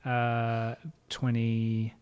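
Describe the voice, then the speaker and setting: A man in his thirties chats as a podcast guest in his own shop, his voice sitting at an ordinary middle pitch. He rambles easily and restarts often, with plenty of "like" and "um". He was born in France and grew up in England, Dubai and New Zealand. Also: drawn-out words, clean tone. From born in France, raised in England, Dubai and New Zealand. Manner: relaxed, rambling, many fillers and restarts. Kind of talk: casual podcast interview.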